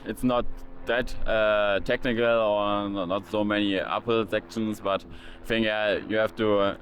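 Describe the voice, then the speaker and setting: A man in his twenties, a triathlete answering interview questions in a halting way with many uhs and restarts. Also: fairly low pitch, level tone, a bit bright, a little hiss or hum. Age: 20s.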